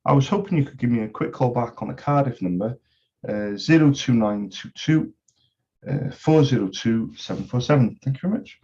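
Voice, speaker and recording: A man's voice: medium pitch, expressive, brisk, warm tone. A man leaving a short voicemail message, hesitant with filler sounds. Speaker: caller. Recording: dull lo-fi recording.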